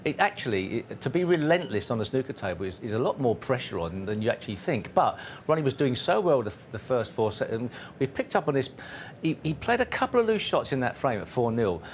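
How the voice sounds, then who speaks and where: A man's voice: big pitch swings, a little fast. A man giving conversational live sports analysis as a snooker pundit. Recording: faint low background rumble.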